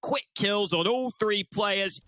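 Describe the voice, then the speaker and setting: High-pitched male esports caster, explanatory analysis. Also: slow, pushed and bright. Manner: explanatory, reflecting on players and plays. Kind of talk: analytical esports match commentary.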